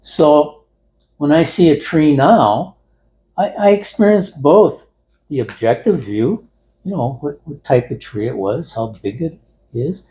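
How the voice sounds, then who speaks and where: An older man with a relaxed, mellow voice chats in casual banter with his partner. He talks haltingly, repeating words and leaning on some of them. There is clear background noise around him. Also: on the high side, poor audio. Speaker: co-host in a couple's discussion. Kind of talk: casual elderly couple banter. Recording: noticeable background room noise.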